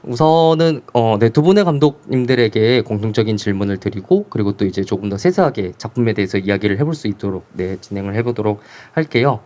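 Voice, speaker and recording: A young male moderator runs a festival Q&A in a rapid, lower-pitched voice. He is courteous and formal, and he keeps padding his sentences with small affirming fillers. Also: lively intonation, warm tone. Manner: polite, frequent filler "ne". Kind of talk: formal hosted Q&A.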